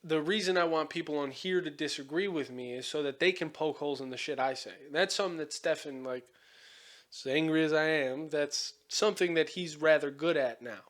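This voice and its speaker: A man's voice: a little high, brisk, a bit bright. A young man hosting a casual podcast chat, rambling with lots of fillers and frequent swearing. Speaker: podcast host.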